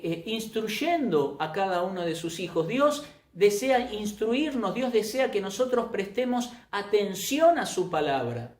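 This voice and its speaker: A man preaching a sermon, emphatic, often repeating and restarting phrases. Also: roomy sound. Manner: emphatic, with sudden rises in pitch and loudness. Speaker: pastor.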